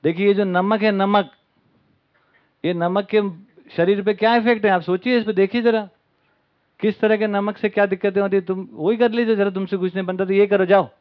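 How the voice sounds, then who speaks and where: A man putting on a haughty middle-aged company donor who scolds and lectures in a fairly high voice. The recording is dull and lo-fi. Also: steady tone, moderate pace, close to an everyday voice. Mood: condescending. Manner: scolding, talks down to others.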